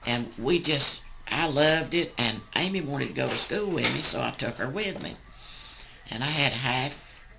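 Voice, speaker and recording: Gravelly, sweet old Southern lady telling stories. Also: extremely low pitch, expressive, a little slow, bright, forceful tone, slight background noise, low-quality recording. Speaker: grandmother recounting family stories. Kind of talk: casual oral storytelling.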